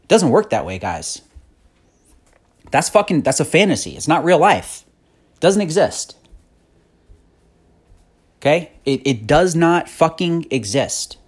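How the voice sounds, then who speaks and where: Podcast host, man, 30s, husky, blunt and profane, hard-driving motivational rant. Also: a little high, very animated, unhurried, long pauses. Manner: blunt, profane, increasingly fired-up. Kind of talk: motivational monologue.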